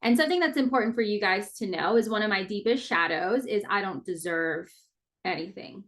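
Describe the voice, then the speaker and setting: A woman's voice: mid-range voice, animated, quick pace. Candid woman in her thirties, podcast host. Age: 30s. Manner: candid, earnest, casual with fillers and mild swearing. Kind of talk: personal heart-to-heart monologue.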